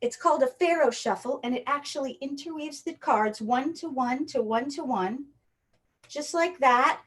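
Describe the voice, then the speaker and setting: At a moderate pace, a woman magician from Hawaii delivers playful, jokey patter in a bright, high voice directly to the camera. It's an online magic show with rhyming story patter, spoken into the camera mic for her audience.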